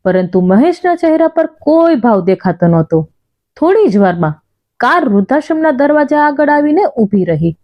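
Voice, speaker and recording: A woman's voice: high voice, big pitch swings, moderate pace, dull audio. A woman telling a story in scripted, emotional narration.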